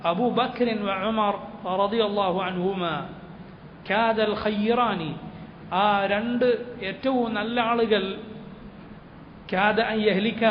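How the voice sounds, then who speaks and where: Man, high voice, Quran commentary lecture, verse-by-verse explanation, echoey hall, muffled sound. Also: a little hiss or hum. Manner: chants Arabic verses slowly, then explains phrase by phrase. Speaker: Quran teacher.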